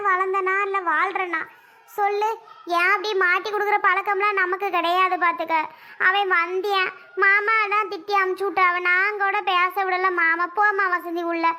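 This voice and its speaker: A woman's voice: extremely high pitch, pushed and bright. Woman doing a whiny, tearful sister-in-law. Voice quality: whiny, pleading, tearful wail.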